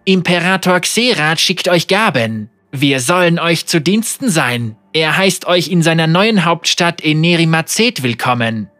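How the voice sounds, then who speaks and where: A man voicing a scheming mercenary leader who speaks loudly and mockingly. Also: a little high, lively intonation, measured pace, hardly any pauses, faint music behind, voice pushed up. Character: scheming male mercenary leader, sly and menacing.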